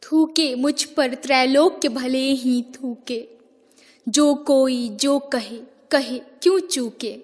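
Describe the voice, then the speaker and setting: A remorseful queen mother pleading before the court, voiced by a woman reciting verse. Her high voice moves slowly and deliberately through each line. A long hall reverb trails every phrase. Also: fairly even intonation. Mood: anguished. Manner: impassioned, measured verse recitation.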